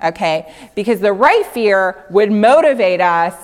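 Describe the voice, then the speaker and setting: A woman giving an informal Bible teaching, chatty and earnest, laughing often and swinging between animated and hushed. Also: medium pitch, unhurried, big-room sound.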